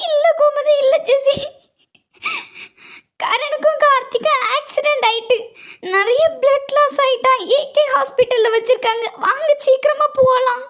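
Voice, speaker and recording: High-voiced woman doing a channel outro. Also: fairly even intonation, moderate pace, fairly bright tone. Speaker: channel host. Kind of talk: outro announcement.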